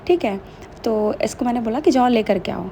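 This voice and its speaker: A woman's voice: a little high, animated, normal speed, creaky, dark tone, a little hiss or hum. A young woman chatting casually in a vlog voice-over, slipping English phrases into her talk. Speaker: vlogger.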